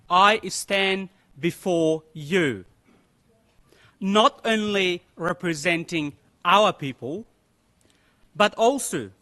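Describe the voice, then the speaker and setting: A young man from Afghanistan, delivering a formal prepared speech as a youth delegate in a slow, deliberate, solemn way. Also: sits high, pushed and bright. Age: young adult.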